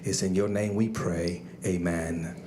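A man's voice: sits low, fairly even intonation, a little slow, warm tone. A man speaking as a reverend, leading a solemn public prayer in reverent, repeating phrases. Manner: reverent, rolling phrases with repetition.

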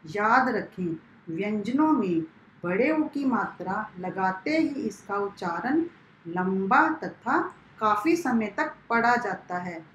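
A woman teacher giving a primary school lesson, spelling out each sound slowly and carefully for young pupils. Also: medium pitch, expressive, a bit bright, muffled recording, slight background noise. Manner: slow, carefully spelled-out classroom instruction. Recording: echoey room.

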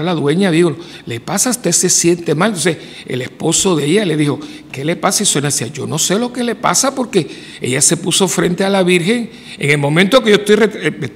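A man's voice: high-pitched, slightly rough. A man, a priest, telling a personal story in a loose conversational homily, rambling along and lifting his voice to quote others. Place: church. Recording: long church reverb.

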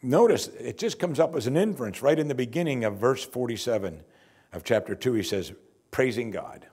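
Husky older man preaching conversationally. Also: mid-range voice, a little fast. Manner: conversational preaching, lively and wry. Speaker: pastor. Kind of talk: sermon. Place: church sanctuary at a pulpit. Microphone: lapel mic.

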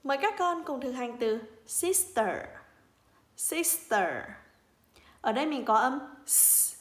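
A woman teaching English to young children, in a slow, patient lesson voice, breaking words into syllables in a sing-song way. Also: high-pitched, lively intonation, slightly rough, long reverb tail.

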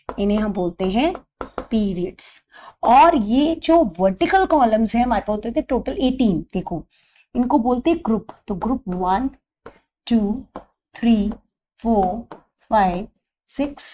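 A woman teacher giving a chemistry lesson, slowly dictating memory tricks, mixing Hindi with English terms and checking in often. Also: on the high side, warm tone. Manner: slow, repetitive dictation of mnemonics; checks in with "thik hai".

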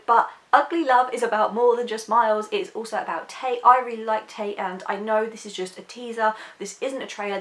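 A woman's voice: on the high side, a bit bright. A woman chatting casually as a book vlogger reacting to a teaser, candid and a little apologetic.

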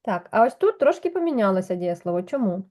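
A woman gives a patient one-on-one language lesson. Her voice is mellow and warm, at a middle pitch, and she explains step by step, checking often with short questions. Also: big pitch swings, quick pace. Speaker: Spanish teacher.

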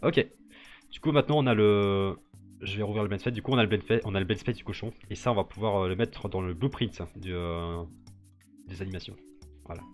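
A man's voice: fairly low pitch, fairly quick, soft background music. A young man streaming, casually explaining his work step by step and thinking aloud with many fillers and restarts. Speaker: streamer building a 3D model live. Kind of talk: casual live-stream commentary.

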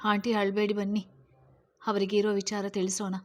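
A woman's voice: mid-range voice, monotone, a little mellow, lightly acted. A woman voicing a young woman who soothes and reassures an older woman in a storybook. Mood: reassuring. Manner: soothing, hurried.

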